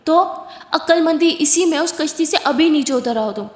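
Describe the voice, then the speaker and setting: Brief: a woman doing a concerned young woman, earnest and hesitant, high-pitched in a reverberant room. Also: normal speed, lightly acted. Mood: pleading. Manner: earnest, pleading, hesitant when caught.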